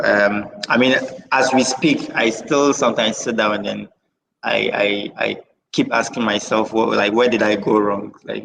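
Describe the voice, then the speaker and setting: A man's voice: lowish voice, creaky, a bit bright. A man answering an interview, hesitant and pained, with many "uh"s. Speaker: guest, nonprofit founder. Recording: reverberant room with faint noise.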